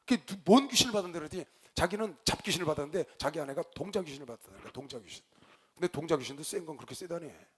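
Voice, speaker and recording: A male pastor preaching, telling a story with lively swings between loud outbursts and quiet low asides. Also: very fast. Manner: animated storyteller, shouts quoted lines, drops to low asides. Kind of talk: sermon with storytelling.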